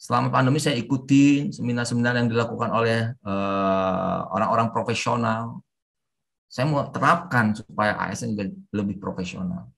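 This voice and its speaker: Forceful man lecturing, gravelly voice. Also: mid-range voice, steady tone, normal speed. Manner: forceful, emphatic intonation; mixes English terms into talk. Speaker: civil service trainer. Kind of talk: webinar lecture. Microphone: online webinar audio.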